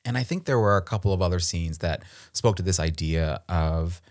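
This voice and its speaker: Low-voiced earnest man talking through an episode. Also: moderate pace, a little mellow. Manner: earnest, reflective, many restarts and fillers. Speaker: podcast co-host. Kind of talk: casual conversational discussion.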